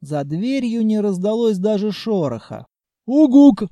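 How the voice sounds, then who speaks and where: A man narrates an audiobook with an ironic, animated delivery, his voice sitting high and his pace moderate. It's a scripted narration with a dry, studio-quality recording.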